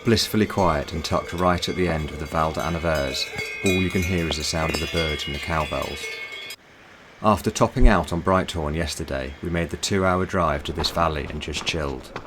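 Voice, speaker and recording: Male vlog narrator, very low voice, scripted travelogue read over background noise. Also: normal speed.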